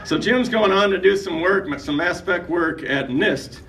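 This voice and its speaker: A man's voice: sits high, a little slow, noisy background. Man telling roast stories from a distance. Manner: joking storyteller building up to punchlines. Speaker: speaker giving a roast at a retirement party. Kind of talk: humorous roast speech. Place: retirement party.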